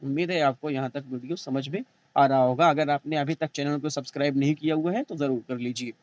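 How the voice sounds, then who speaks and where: A man teaching a recorded grammar lesson, slowly repeating example words and asking and answering his own questions. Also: a little high, steady tone, no room sound.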